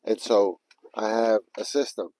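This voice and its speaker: A man's voice: on the low side, a little slow, no room sound, rough recording. A man telling a story casually on a livestream, swearing often and acting out his own panicked self-talk. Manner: animated, profane, retelling with quoted self-talk. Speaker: livestream vlogger.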